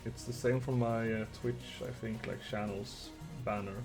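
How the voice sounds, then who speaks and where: A man's voice: medium pitch, fairly even intonation, a little slow, over music. A young man from Sweden with a Swedish accent, chatting casually with viewers and muttering to himself while he codes a game on a live stream.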